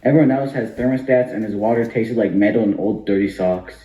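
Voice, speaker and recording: A man's voice: fairly low pitch, fairly quick. A man narrating a comic story for an amateur puppet show. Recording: muffled, echoey room.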